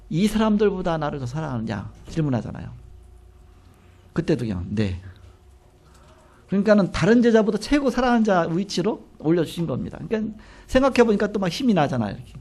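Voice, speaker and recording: A man preaching a sermon, retelling scripture with animated storytelling and acted-out dialogue. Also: fairly high pitch. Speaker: pastor.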